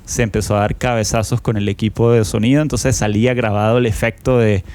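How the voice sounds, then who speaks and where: A man with a somewhat low voice talks alone as a podcast host, recounting a personal memory. His delivery is unhurried and reflective, loosely strung together with small fillers. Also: flat delivery, a little mellow. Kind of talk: personal storytelling monologue.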